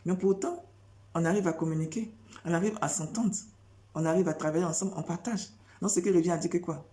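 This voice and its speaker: Une femme qui prêche sans notes, répète ses phrases et enchaîne les questions rhétoriques avec insistance. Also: female voice, fairly low pitch, steady tone, a little fast, dark tone, a little hiss or hum. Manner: repetitive, rhetorical questions, emphatic. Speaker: preacher. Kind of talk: spontaneous preaching monologue.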